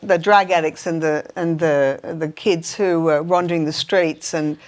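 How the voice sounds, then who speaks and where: A woman's voice: deep voice, fairly even intonation, measured pace. A woman interviewing an author on stage, asking questions that steer her story. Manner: warm, prompting questions.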